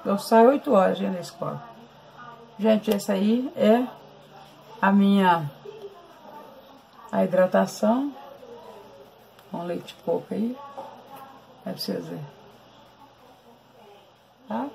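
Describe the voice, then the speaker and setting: Brazilian woman, vlogger, casual chatty storytelling, gravelly voice, medium pitch. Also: takes it slowly, pauses often, darkish tone, a little hiss or hum, low-quality recording. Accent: Brazilian Portuguese. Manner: chatty, constantly addresses viewers. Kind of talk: casual storytelling and hair-care tips.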